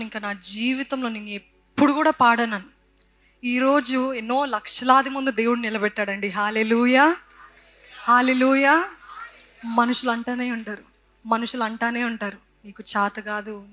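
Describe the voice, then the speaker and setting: A woman's voice: a little high, a bit bright. A woman with a Telugu accent preaching a sermon, emphatic and repetitive, switching between Telugu and English lines. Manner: emphatic, repeating phrases, mixing in English lines.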